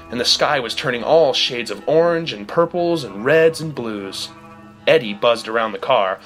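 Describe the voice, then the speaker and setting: A man narrating a first-person audiobook in a lively, expressive way. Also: medium pitch.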